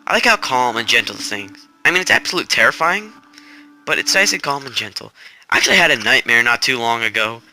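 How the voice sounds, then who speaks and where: A man hosting a gaming channel, rambling and correcting himself in a flat, robotic-sounding delivery while he sounds stressed. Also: medium pitch, fast talker. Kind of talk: casual gameplay commentary. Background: game music.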